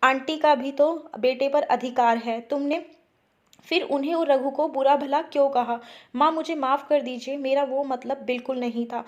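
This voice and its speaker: A young sister-in-law in a family storybook, read by a woman. She scolds crisply in a high voice. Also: steady tone, normal speed, highs cut off, close to an everyday voice. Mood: calm. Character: young sister-in-law, mock-sharp then warm.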